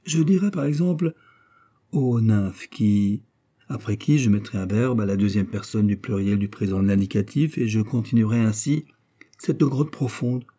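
A dreamy, absent-minded poet rambles on in an audiobook, read by a man. He chases rhymes eagerly and mocks his own foolishness. The tone is dark and a little husky. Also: on the low side, moderate pace, lightly acted. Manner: rambling, eager, self-mocking. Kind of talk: audiobook character voice.

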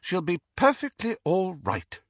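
A man voicing a stern older woman professor who speaks with crisp, icy coldness, in a slightly dull, dry recording. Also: high voice, wildly swooping pitch, a little slow, no echo, voice pushed up, heavily acted. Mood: cold. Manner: crisp, icily cold. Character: stern older female professor, cold and sharp.

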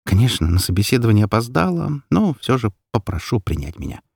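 Male audiobook narrator, low pitch with animated melody, raspy texture. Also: a little fast, no echo, studio quality. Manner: expressive, lively storytelling. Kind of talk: scripted first-person narration.

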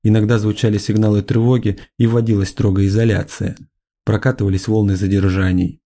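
Low-voiced male audiobook narrator. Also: little pitch movement, a little fast, dark tone. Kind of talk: scripted narration.

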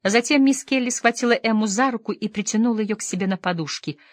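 A woman narrating a novel as an audiobook in a measured, dramatic way. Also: on the high side, no room sound.

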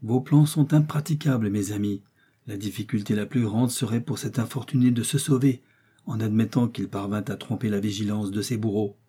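A man reading the part of a resolute learned explorer doctor who speaks in a calm, reasoned, commanding way. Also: fairly low pitch, normal speed, slightly rough.

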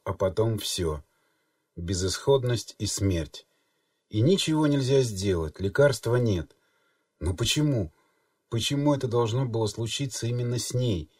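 A man reading an audiobook in measured, even storytelling narration. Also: lowish voice, dry recording, studio quality, recorded from a distance. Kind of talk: scripted narration.

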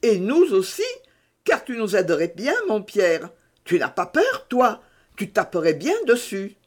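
A woman's voice: mid-range voice, big pitch swings, unhurried, pitched above the performer's own voice. Woman playing a young peasant woman, coaxing and teasing, lilting delivery. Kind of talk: audiobook character reading.

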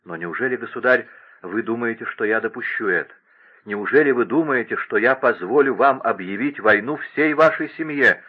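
A man voicing a gentle young court lady in despair, speaking in a pleading, tearful way. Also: medium pitch, expressive, moderate pace, husky, phone-quality sound. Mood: anguished.

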